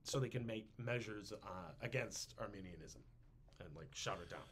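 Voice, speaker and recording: A man's voice: lowish voice, normal speed, slight background noise. A man hosting a casual history podcast, joking around and slipping into silly voices. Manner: animated, jokey, puts on silly voices. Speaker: podcast host.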